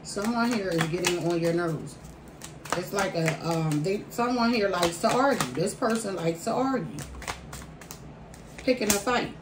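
A woman giving a casual tarot card reading to viewers, pausing mid-phrase and repeating phrases for emphasis. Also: lowish voice. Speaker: tarot reader. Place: indoor room at a table by a window. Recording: roomy, distant mic, faint background noise.

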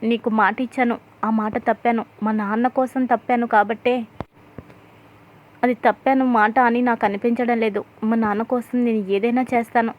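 A woman's voice: on the high side, level tone, moderate pace, close to an everyday voice. A woman voicing a young man apologizing to his father and his wife. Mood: apologetic. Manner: apologetic, pleading. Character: young husband, apologetic son. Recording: tinny phone-like sound.

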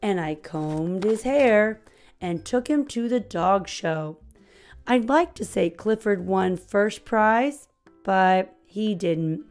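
Faint music plays behind an American woman in her thirties as she reads a storybook to young kids in an expressive, clearly paced way. Her medium-pitched voice takes things slowly.

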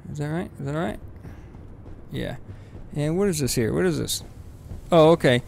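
A man giving rambling, casual let's-play commentary on his game, swearing freely and breaking into excited bursts. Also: a little high, normal speed, creaky, slight background noise. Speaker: gaming video host.

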